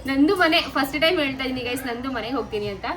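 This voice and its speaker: Young woman, high voice, casual vlog chatter, teasing and coaxing. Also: animated, quick pace. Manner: chatty, mixes English words in. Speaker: vlogger.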